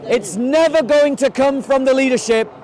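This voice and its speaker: A man giving a forceful, rallying open-air speech outdoors. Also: very high-pitched, normal speed, slight background noise, low-quality recording. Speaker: street preacher. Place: outdoors in a city park.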